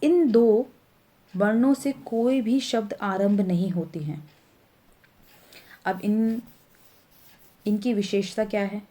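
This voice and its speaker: A woman's voice: medium pitch, takes it slowly, long pauses, mellow. A woman teacher patiently explaining letters to young pupils, repeating herself and correcting small slips. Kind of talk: Hindi grammar lesson for young pupils.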